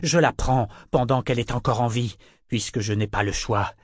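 A man's voice: medium pitch, steady tone, normal speed, dry recording, clean studio sound, close to an everyday voice. A man voicing a desperate young man in an audiobook, pleading urgently and insistently. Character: desperate, forceful young man, half-wild. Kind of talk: audiobook character voice.

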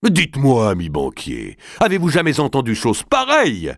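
A man's voice: mid-range voice, huge pitch swings, normal speed, gravelly, fairly bright tone, dry recording, clean studio sound, pitched above the performer's own voice, exaggerated voice. A man reading an audiobook and voicing a grand, imperious nobleman who speaks in a declamatory, commanding way.

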